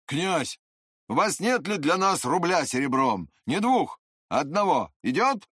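A reader voicing a tall, cynical young man who mumbles bluntly and sometimes shouts. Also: mid-range voice, sing-song, unhurried, husky, no room sound, clean studio sound, pitched above the performer's own voice, full character voice.

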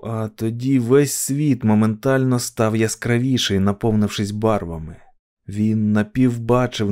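A man narrating an audiobook dramatically, dropping to a hush in tense passages. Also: medium pitch.

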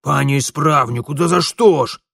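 A man's voice: a little high, normal speed, gravelly, fairly bright tone, no echo, studio quality. A man voicing an obsequious rustic village police sergeant who whines and grovels. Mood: pleading. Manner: whining, obsequious.

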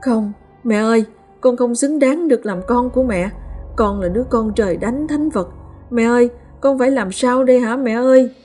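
A woman's voice: fairly high pitch, unhurried, pauses often, mellow, in a large hall, faint music behind, pitched above the performer's own voice, natural voice. A woman doing a wailing, guilt-ridden son. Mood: wailing, remorseful. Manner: wailing, sobbing laments. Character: grief-stricken young man, guilt-ridden son.

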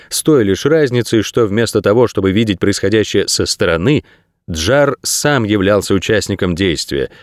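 A man's voice: on the low side, darkish tone, dry recording, studio quality. A man reading an audiobook aloud as scripted narration.

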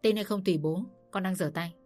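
A woman's voice: fairly low pitch, brisk, a little mellow, soft background music, lightly acted. Woman playing a coolly defiant young wife. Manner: cool and curt. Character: defiant calm young daughter-in-law.

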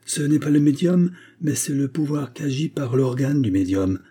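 A man's voice: mid-range voice, moderate pace, dark tone, slightly rough, voice pushed up. A man reading an audiobook, voicing the hard, cold spirit of a dead man who speaks through a medium. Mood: solemn, cold. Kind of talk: audiobook character voice.

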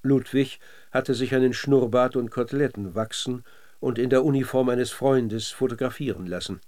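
This man narrates scripted radio documentary drama in a standard German accent, his medium-pitched voice slightly mellow. His delivery stays measured and factual from start to finish.

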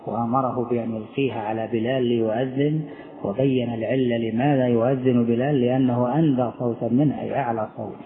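A man's voice: mid-range voice, steady tone, fast. Man explaining a lesson, tinny sound. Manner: explains, asks the class questions. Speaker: sheikh teaching a text. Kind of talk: lesson commentary. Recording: tinny phone-like recording.

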